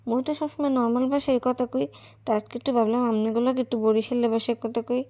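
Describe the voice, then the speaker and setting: A woman's voice: fairly high pitch, flat delivery, quick pace, warm tone. Chatty woman with a Barishal dialect. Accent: Barishal Bengali dialect. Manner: chatty, keeps addressing viewers; talks while walking. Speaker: vlogger. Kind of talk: casual travel vlog. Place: outdoors along a village road.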